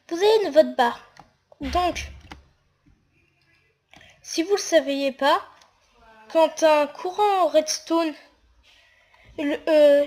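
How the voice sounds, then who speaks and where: Woman, high voice, slow, casual game tutorial, hesitant, lots of fillers. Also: darkish tone. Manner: hesitant, narrates actions with fillers.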